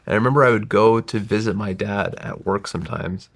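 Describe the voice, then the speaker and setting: With a fairly low pitch and a fairly quick pace, a man in his forties from the United States, originally a Gujarati speaker, tells his life story as a podcast guest. The casual interview storytelling wanders reflectively, and he regularly corrects himself.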